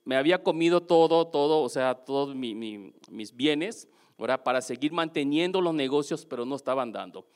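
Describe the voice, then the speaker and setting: A man with a Mexican accent giving a lively motivational testimonial at a business seminar, often checking in with the audience through quick questions. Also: mid-range voice, smooth. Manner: keeps asking the audience questions, animated.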